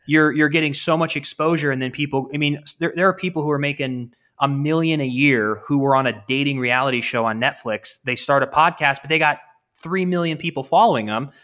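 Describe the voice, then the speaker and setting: Bright-voiced man in his thirties. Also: on the high side, fairly quick. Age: 30s. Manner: rambling, restarts a lot, enthusiastic. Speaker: guest. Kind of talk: casual interview chat.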